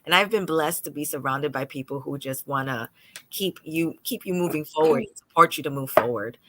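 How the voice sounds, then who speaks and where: A woman lawyer from New York addresses a panel in a low-pitched voice at a moderate pace, with slight background noise. She tells animated stories and dramatizes what people said.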